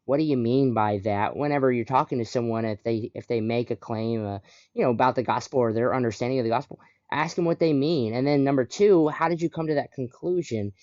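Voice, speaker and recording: This conversational podcast interview is led by a man whose mid-range voice is fairly quick and a little mellow. He affirms his guest and keeps things moving with follow-ups, over dry, dull lo-fi audio with no room sound.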